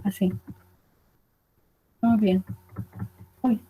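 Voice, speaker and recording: A woman's voice: mid-range voice, fairly even intonation, drawn-out words, slightly rough, phone-quality sound. A woman teacher gives a recorded online lesson, explaining patiently and checking in with her students as she goes. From Peru.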